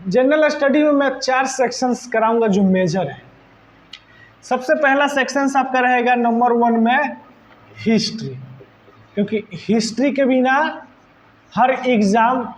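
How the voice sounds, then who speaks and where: A male teacher with a Bihari Hindi accent lectures a live class in a high, bright voice, explaining terms step by step and asking "right?" often. The recording is a bit dull and lo-fi, with a faint hiss behind the voice. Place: classroom with students present.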